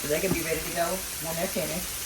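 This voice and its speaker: Home cook instructing over loud frying sizzle. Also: medium pitch, level tone, fast, heavy background noise. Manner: plainspoken step-by-step instruction, repeats key points. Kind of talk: casual cooking tutorial, instructional. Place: home kitchen beside frying food. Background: sizzling oil and kitchen sounds.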